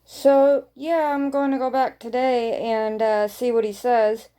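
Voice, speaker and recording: A woman's voice: fairly high pitch, little pitch movement, a little slow, mellow. A woman vlogger chatting casually to her viewers in a rambling way, often repeating phrases for emphasis.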